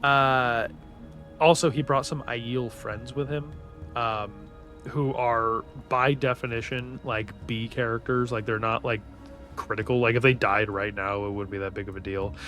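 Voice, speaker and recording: A young man casually recapping a fantasy book in an animated, profane and slangy way. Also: medium pitch, a little slow. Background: faint background music.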